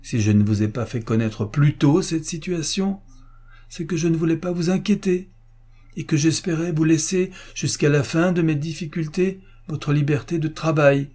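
A man's voice: a little high, animated, a little slow, mellow, slightly rough, pitched above the performer's own voice. A man voicing a young man pleading urgently and earnestly with his father in a storybook reading.

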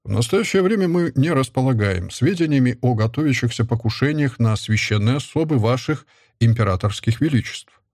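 A man voicing a dutiful general in an audiobook, giving a stiff, formal report in a husky voice. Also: medium pitch, animated, a little fast, a little mellow, no echo, studio quality. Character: dutiful male general, security chief.

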